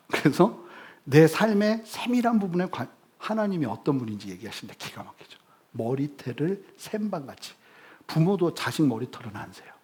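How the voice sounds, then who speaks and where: A male pastor giving a sermon, telling humorous stories with sudden loud bursts. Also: fairly high pitch.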